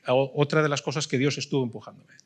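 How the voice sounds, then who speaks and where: A middle-aged man preaching a sermon, telling a story with loud bursts and soft asides. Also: mid-range voice, fairly even intonation, fast.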